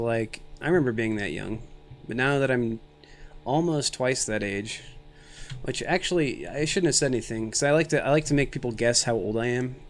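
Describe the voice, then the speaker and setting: A man of thirty talks through a game stream in a mid-pitched voice, rambling and self-mocking as he jokes with his chat. He sounds tired and a bit loopy from too little sleep and too much caffeine, and a faint hum of room noise sits behind him. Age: 30s. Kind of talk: casual live-stream commentary.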